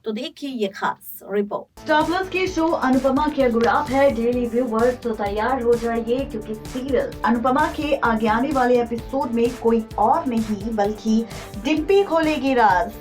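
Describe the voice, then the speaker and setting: Speaking in a fairly high voice with an Indian accent, a woman narrates entertainment news at an unhurried pace. Her scripted delivery is emphatic and dramatic, much like a teaser for TV serial updates, while background music plays faintly.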